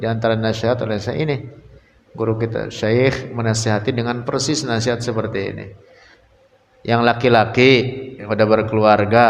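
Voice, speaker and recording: A man teaches a religious study class, moving between careful Arabic reading and loose, joking street-style asides. His voice sits at an ordinary middle pitch. The room rings out with a long, echoing hall reverb. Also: slight background noise. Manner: reads Arabic text and translates it phrase by phrase; joking, colloquial asides to students.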